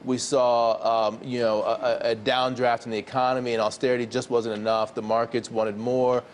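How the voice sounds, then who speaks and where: A man appearing as a regular TV guest offers economic analysis in an interview, walking through figures step by step with hesitation and lots of fillers. He's an economics commentator with a mid-range, level voice at normal speed. Slight background noise is present.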